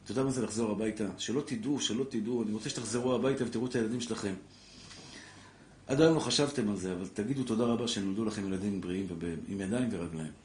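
Impassioned rabbi preaching in echoey room. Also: male voice, on the low side. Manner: impassioned, addresses listeners as brother, rising to loud exhortation. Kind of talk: Torah class sermon to an audience. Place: lecture room with a live audience. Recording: echoey room with faint background noise.

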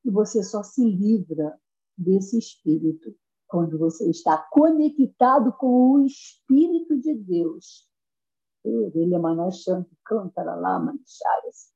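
Fervent woman preaching, husky and warm. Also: lively intonation, slow pace. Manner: fervent, rising to high emphatic pitch. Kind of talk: sermon. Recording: dull lo-fi sound.

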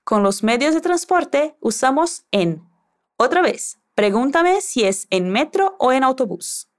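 Woman, language teacher, scripted lesson, patient, encouraging, slow and lively. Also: high-pitched. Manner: patient, encouraging, prompts the listener to repeat.

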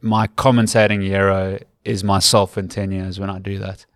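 Guy, lowish voice, earnest, explaining stuff in an interview, dry close sound. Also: level tone, moderate pace, no echo. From South Africa. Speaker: rugby commentator, guest. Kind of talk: casual interview chat.

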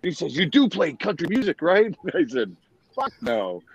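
A man's voice: on the high side, huge pitch swings, moderate pace, vocal fry, over a noisy crowd, poor audio. Laughing, profane New England man. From Massachusetts. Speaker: podcast guest, musician. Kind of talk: casual chat.

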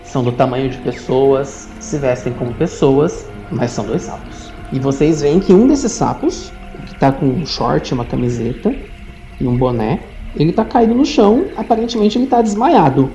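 A woman narrating as game master of a tabletop game, telling the story in a lively way. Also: deep voice, moderate pace, faint music behind. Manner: lively storytelling with animated rises. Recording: roomy, dull lo-fi sound.

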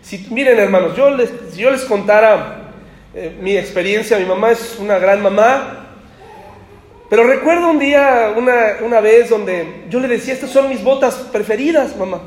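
High-voiced preacher in an echoey room. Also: male voice, expressive, moderate pace. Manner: conversational, asks the congregation rhetorical questions. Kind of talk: sermon.

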